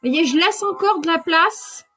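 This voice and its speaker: A woman's voice: very high-pitched, expressive, normal speed, a bit bright, soft background music. A woman in her fifties with a runny nose, chatting casually to viewers while doing her makeup live. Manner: chatty, rambling, talks straight to viewers.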